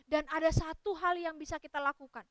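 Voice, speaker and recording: A woman voicing a calm, gentle doctor who speaks slowly and soothingly, in a children's Sunday school story. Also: high voice, dry recording. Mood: reassuring. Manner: slow, soothing delivery.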